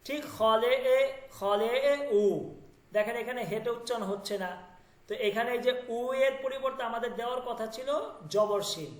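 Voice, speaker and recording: A man's voice: very high-pitched, moderate pace. A man with a Bangladeshi Bengali accent teaching an online language lesson, explaining step by step and often checking that students understand. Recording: echoey room.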